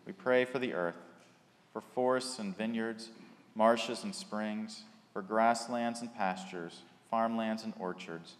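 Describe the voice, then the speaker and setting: Man, low voice, slow measured litany, worship leader, long cathedral echo, big reverberant church. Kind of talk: reading liturgical prayers. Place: large church.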